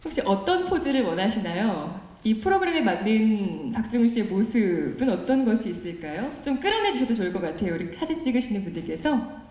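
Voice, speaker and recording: A woman's voice: mid-range voice, big pitch swings, a little fast, dark tone. A woman hosting a press event in the polite, cheerful, chatty style of a public radio host, coaxing and courteous. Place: indoor press conference room. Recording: roomy event hall with background noise.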